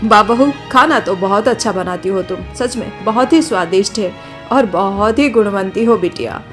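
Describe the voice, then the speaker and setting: A woman voicing a kind, modest elderly mother-in-law in a cartoon story, talking softly. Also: medium pitch, normal speed, faint music behind, natural voice. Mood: warm praise.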